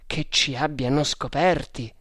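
A man's voice: medium pitch, fairly even intonation, a little slow, fairly bright tone, dry recording, studio quality. A man voicing a bold, fearless Indian leader who barks terse orders in a raised voice. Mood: alert.

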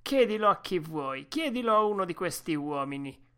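A woman voicing a harsh, impatient young man in a storybook reading, loud and barking. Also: fairly low pitch, expressive, normal speed. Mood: scornful.

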